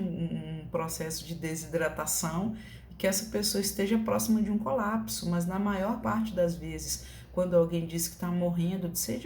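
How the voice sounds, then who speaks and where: A Brazilian woman teaches a concurso-prep lesson from her home, her voice set slightly low with a soft, dark tone. She keeps it chatty, often pausing to check that the point landed. The room rings noticeably, and faint ambient noise sits underneath. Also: echoey room. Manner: conversational, many tag questions. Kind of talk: online lecture.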